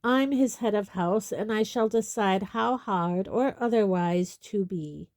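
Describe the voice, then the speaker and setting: A woman's voice: medium pitch, measured pace, warm tone, dry recording, clean studio sound, lightly acted. A woman voicing a cold, stern male teacher who speaks curtly. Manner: curt, cold.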